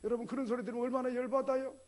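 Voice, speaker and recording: A man's voice: extremely high pitch, level tone, rapid-fire, a little mellow. A man preaching a sermon as a pastor, in a conversational way full of rhetorical questions.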